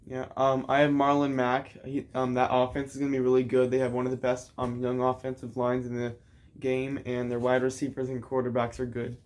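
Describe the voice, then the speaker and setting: A man with an average pitch goes through his football rankings in casual chat. He hesitates often and fills pauses with ums. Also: completely flat delivery, a little mellow. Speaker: co-host ranking players.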